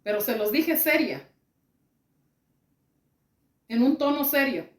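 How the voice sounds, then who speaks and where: A woman with a high voice testifies before a church about a vision she received. She moves very slowly, circling back over the same phrases with pauses. Her voice rings in a roomy, echoing space. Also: expressive. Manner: slow, repetitive, pausing phrase by phrase. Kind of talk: recounting a religious vision.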